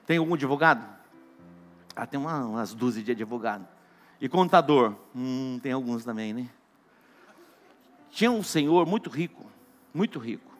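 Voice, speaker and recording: A man with a Brazilian Portuguese accent preaching a sermon, telling jokes and stories, dropping to a hush and then rising to loud emphasis. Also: medium pitch, lively intonation, normal speed, long pauses, soft background music. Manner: joking storyteller, shifts between hushed and loud emphatic. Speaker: pastor.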